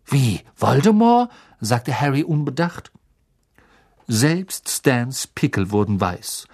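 An audiobook narrator reading a fantasy novel in measured storytelling. The narration is scripted and steady between character voices. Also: medium pitch. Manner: measured storytelling, lively intonation.

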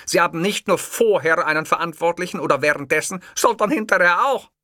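A man putting on a pompous, self-assured older dictator who declaims every line with haughty emphasis. The voice sits raised and bright, read in an audiobook. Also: fairly high pitch, brisk, no echo, clean studio sound, voice pushed up. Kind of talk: audiobook character voice.

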